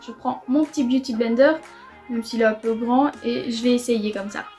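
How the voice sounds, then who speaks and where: Over music, a young beauty vlogger with a slightly high voice chats at normal speed through a makeup try-on in a room near a window at home. She's enthusiastic, full of fillers, and keeps saying "franchement."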